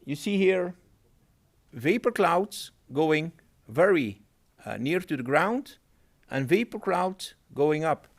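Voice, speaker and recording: A man with an other than giving a technical presentation at a conference. He pauses, repeats words and phrases things in his own way. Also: on the high side, lively intonation. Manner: halting, repeats words, non-native phrasing. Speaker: conference speaker.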